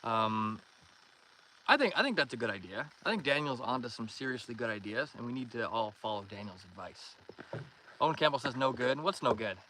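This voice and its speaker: In a medium-pitched voice with lively intonation, a Canadian man speaks a little fast, with a bright, forceful tone. He's out on a pond in a canoe hosting a casual livestream, where he reads viewer comments, answers them, and warmly greets and thanks people by name. Water and canoe sounds make the outdoor recording noisy.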